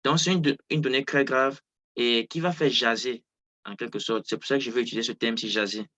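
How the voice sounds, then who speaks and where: A man's voice: mid-range voice, steady tone, fairly quick, sharp tone. Hesitant man on a muffled video call. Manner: hesitant, many fillers and restarts. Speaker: trading coach hosting a Zoom session. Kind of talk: casual explanation on a video call.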